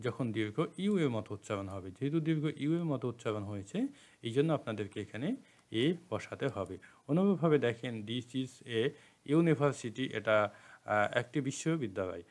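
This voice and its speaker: A man's voice: mid-range voice, expressive, moderate pace, darkish tone. Man teaching a grammar lesson step by step. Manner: explains step by step, repeats phrases, asks rhetorical questions.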